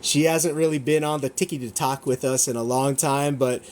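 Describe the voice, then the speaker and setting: A man's voice: medium pitch, steady tone, normal speed, darkish tone, a little hiss or hum. A young man hosting a casual livestream as a reptile breeder, talking enthusiastically and rambling, correcting himself often and sometimes eating as he talks. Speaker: gecko breeder and shop owner hosting a livestream. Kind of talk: casual livestream sales chat.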